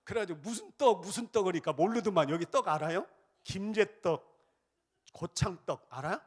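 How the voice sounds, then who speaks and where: A man preaching a revival sermon as pastor, with a Jeolla accent, shouting chants for the congregation to repeat and then dropping into chatty storytelling. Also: sits high, lively intonation, normal speed, husky. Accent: Jeolla Korean. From Jeolla, South Korea. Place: church sanctuary.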